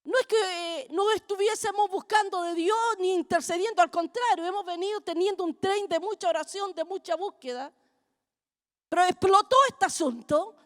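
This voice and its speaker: A middle-aged woman, preaching a fervent sermon that builds to shouting. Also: very high voice, moderate pace. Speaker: apostle preaching at a congress.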